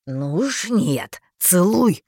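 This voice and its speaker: A woman voicing a hot-tempered young man in an audiobook, loud and indignant. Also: on the low side, very animated, drawn-out words, no echo, studio quality, full character voice. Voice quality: shouting, indignant.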